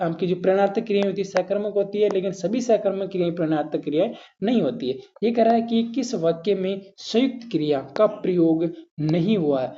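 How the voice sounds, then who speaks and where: A man's voice: high voice, mellow, highs cut off. A man teaching Hindi grammar for exam preparation, who keeps asking his students questions and then answering them himself. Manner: addresses students as "saathiyon", asks and answers his own questions. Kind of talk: exam-prep lesson.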